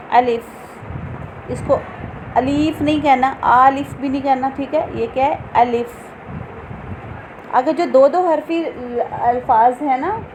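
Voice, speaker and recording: Woman teacher, slightly high voice, slow and patient, says each letter out loud for the class. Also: slight background noise, rough recording. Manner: patient, explains slowly, often checks understanding; models each letter sound aloud. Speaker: Quran reading teacher. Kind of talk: tajweed lesson to students.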